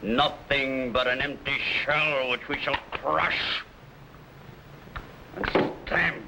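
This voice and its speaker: In a 1950s TV serial, a male actor with a gravelly, medium-pitched voice plays a ruthless, boastful barbarian warlord. He speaks with fairly even intonation and grand, menacing pauses, and the recording is very noisy.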